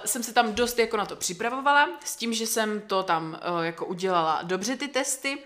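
A woman's voice: mid-range voice, a bit bright. A young woman from the Czech Republic chatting casually about a course abroad, rambling with many fillers and restarts. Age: young adult. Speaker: guest telling about a language course abroad. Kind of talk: casual chat.

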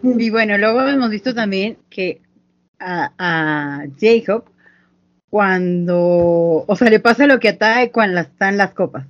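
A woman's voice: medium pitch, slow, lo-fi sound. A woman co-host in a casual podcast chat, agreeing and adding comments.

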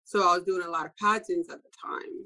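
A young woman from Ethiopia, a fashion designer, giving a relaxed interview with frequent soft laughs and filler words. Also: on the low side, fast talker, low-quality recording. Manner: soft-spoken, laughs often, many fillers. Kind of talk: casual interview answers.

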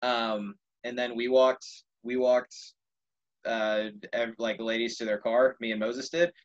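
A young man telling a story in casual conversation, animated and laughing often. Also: mid-range voice, measured pace, lo-fi sound.

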